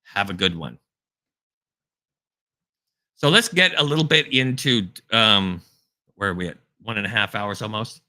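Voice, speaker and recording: A man's voice: fairly low pitch, animated, measured pace, long pauses, bright, forceful tone. A man giving an informal Bible teaching, telling personal stories in a conversational way with frequent restarts. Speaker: preacher.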